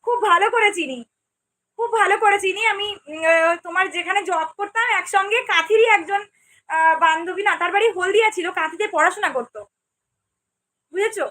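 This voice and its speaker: A woman's voice: very high-pitched, brisk, bright, forceful tone. A young woman from Medinipur who hosts a cooking channel, chatting casually on a livestream, reading out viewer comments and answering each viewer by name. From Medinipur, West Bengal, India.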